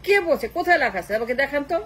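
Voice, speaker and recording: Emphatic high-voiced woman. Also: lively intonation, very fast, a bit bright, slight background noise, low-quality recording. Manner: emphatic, repetitive, mixes Bengali and English. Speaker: political commentator. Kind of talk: political monologue.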